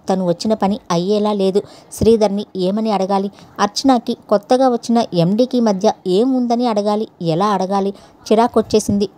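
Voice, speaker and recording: A woman narrating a serialized story in steady, even tones. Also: mid-range voice. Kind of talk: scripted narration.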